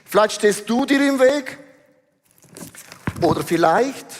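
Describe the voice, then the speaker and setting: A man with a Swiss German accent, preaching an animated sermon from a church stage and mixing English phrases and slang into his talk. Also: high voice, takes it slowly. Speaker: pastor. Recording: large hall with long reverb.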